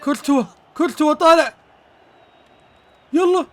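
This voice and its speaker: A man's voice: extremely high pitch, moderate pace. A man streaming a football video game, commentating live, exclaiming in bursts, repeating words and thanking his viewers. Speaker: gaming streamer.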